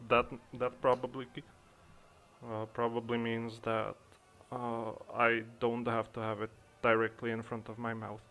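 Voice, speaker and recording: A man's voice: medium pitch, completely flat delivery, unhurried, a bit bright. A young man from the Czech Republic with a Czech accent, chatting hesitantly on a livestream and thinking aloud with many fillers. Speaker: streamer. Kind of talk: casual livestream chat. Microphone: desk microphone being adjusted in streaming software.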